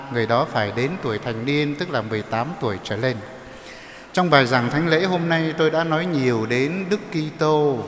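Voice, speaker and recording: Priest preaching in an echoey church. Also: male voice, mid-range voice, a little hiss or hum. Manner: explanatory, asks the congregation questions. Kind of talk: sermon. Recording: echoey church with long reverb.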